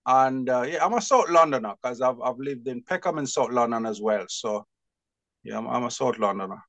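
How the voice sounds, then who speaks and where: A man with a Jamaican accent, chatting as an interview guest, lively and quick to laugh. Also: mid-range voice, no room sound. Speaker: guest, publisher. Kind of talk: casual interview chat.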